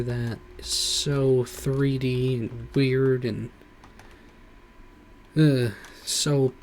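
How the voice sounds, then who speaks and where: A man's voice: mid-range voice, darkish tone, slight background noise. A man streaming a game, rambling casually with lots of "like" and "you know". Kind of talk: casual gameplay commentary.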